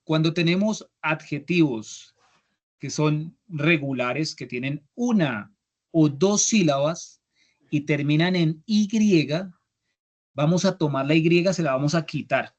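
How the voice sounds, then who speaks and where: On dull audio, a young man with a voice on the high side speaks slowly while explaining English grammar in an online class. As the instructor, he patiently repeats each step and checks that students follow.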